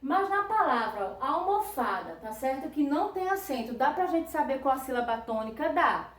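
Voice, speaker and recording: A Brazilian woman teacher with a Brazilian Portuguese accent patiently gives children a grammar lesson, checking in with a tag question after each phrase. Her high voice is very animated and moves at a normal speed. Recorded from a distance and slightly off-mic, it has a roomy echo.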